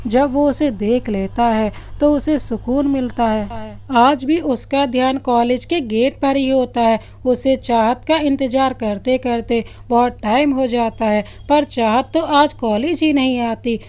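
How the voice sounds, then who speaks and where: A woman storyteller giving scripted narration of a love story in a steady, even way. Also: on the high side, measured pace.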